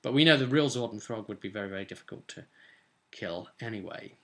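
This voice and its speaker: A British vlogger in his 20s, speaking quickly and expressively in a lowish voice, recaps his sessions as game master. Recorded in a small room at home, he chats to camera in a rambling, conversational style with tag questions.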